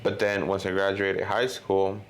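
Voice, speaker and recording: A man's voice: low-pitched, completely flat delivery, normal speed. A man in his thirties from Honduras, speaking as the guest in a casual interview and rambling with many "you know" and "like" fillers. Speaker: guest filmmaker.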